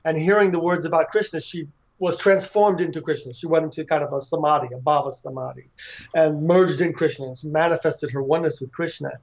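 Man, storytelling in conversation, slightly high pitch, relaxed and halting, dull recording. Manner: relaxed, frequent fillers and restarts. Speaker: author and devotee.

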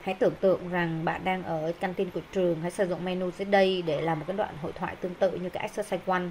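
A woman teacher walks through textbook exercises in a fairly low voice. She hesitates often and fills her pauses. Faint background noise sits under her voice. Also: steady tone, darkish tone, rough recording. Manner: hesitant, many pauses and fillers. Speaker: English teacher.

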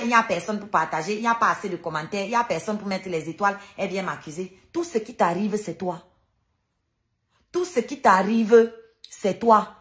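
A woman's voice: medium pitch, a bit bright. A woman hosting a heated livestream rant, combative and sarcastic, hammering her points home by repeating them. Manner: emphatic repetition. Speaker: online live streamer.

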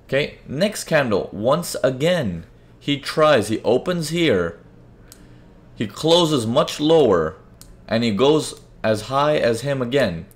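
Speaking at a leisurely pace, a man with a medium-pitched, sing-song voice teaches a live trading webinar. He talks through charts casually, fields questions from the chat and checks in frequently with his audience. His parents are Indian, and he was brought up in several countries.

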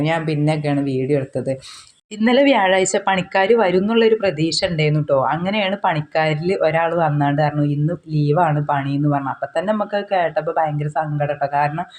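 Woman, low pitch, rapid chatty home cooking vlog, has a cold. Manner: chatty, warm address to viewers as friends, frequent tag words. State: has a cold and sore throat. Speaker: vlogger, mother. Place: home kitchen. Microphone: handheld phone.

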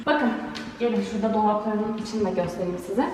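A woman's voice: mid-range voice, fast talker. Bubbly woman in heavy canyon-like echo. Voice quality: voice echoing like in a canyon, from empty rooms. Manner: excited, bubbly, giggly. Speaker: vlog host giving an empty house tour. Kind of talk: casual vlog chat. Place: empty, echoey apartment rooms. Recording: heavy echo, distant mic, faint noise.

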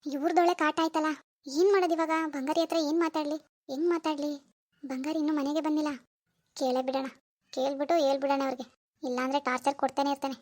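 A voice actor playing Bhavya, a quick-tempered schoolgirl in a cartoon, who talks in a snappy, exasperated way. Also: high-pitched, level tone, a little mellow, lightly acted. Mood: fretting. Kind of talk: cartoon voice acting.

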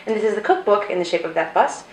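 A woman's voice: mid-range voice, animated, quick pace, slight background noise. Chatty woman hosting, roomy sound. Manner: chatty, leading the conversation. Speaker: host. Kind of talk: casual chat, hosting.

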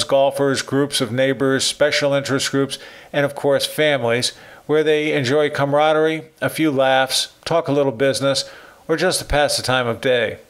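A man in his sixties with an American accent, reading his own opinion column in a measured, earnest way. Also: medium pitch, fairly bright tone. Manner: measured, earnest commentary delivery. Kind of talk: scripted narration.

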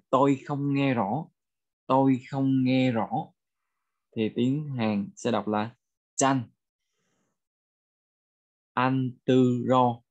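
A man with a Vietnamese accent teaching a bilingual vocabulary lesson, repeating each phrase slowly for learners. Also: mid-range voice, a little mellow, dull audio. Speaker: language teacher.

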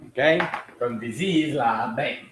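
Male tutor, unhurried livestream lesson delivery, drills pronunciation word by word, echoey room sound. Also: medium pitch, noisy background. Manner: slow, drawn-out words for drilling pronunciation. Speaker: English teacher.

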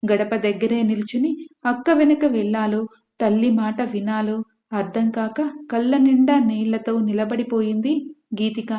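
Woman reading a story aloud, steady, highish voice, echoey lo-fi room. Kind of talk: novel reading.

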